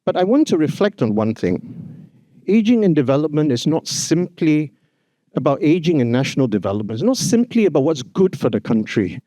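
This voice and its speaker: With a slightly high, sing-song voice of dark tone, a Singaporean man gives a formal conference opening address at normal speed. He sounds earnest and emphatic, often adding "you know" and "actually," in a hotel conference hall with no room sound.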